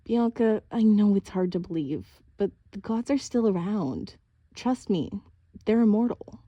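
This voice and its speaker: A woman's voice: mid-range voice, lively intonation, measured pace, mellow, husky, no room sound, dull audio. A woman reading an audiobook, voicing a tough, blunt teenage girl who talks in a clipped way. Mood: earnest.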